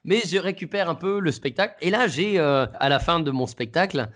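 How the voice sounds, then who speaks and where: A man, a comedian, telling an anecdote in casual conversation, rambling and animated with many restarts. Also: fairly high pitch, brisk.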